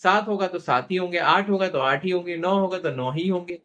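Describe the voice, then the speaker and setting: A man teaching chemistry in a classroom-style lecture, asking questions and answering them himself, slowing down to spell out formulas, and gently teasing his students. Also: high-pitched. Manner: asks questions and answers them himself, repeats key terms; playfully teasing toward students.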